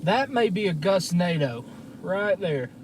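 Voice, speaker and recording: A man's voice: high voice, big pitch swings, unhurried. A man storm chasing in a moving vehicle, chatting casually and bluntly on a live stream. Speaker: storm chaser. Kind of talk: casual live chase chat. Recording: very loud vehicle noise.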